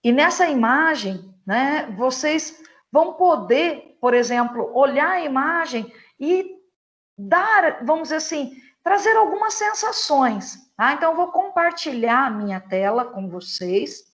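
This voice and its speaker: A woman teacher, giving an online class lecture and explaining step by step, often ending phrases with a quick "tá?" or "né?". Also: sits high, animated, a bit bright. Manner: explanatory, with frequent "tá?" and "né?" tags.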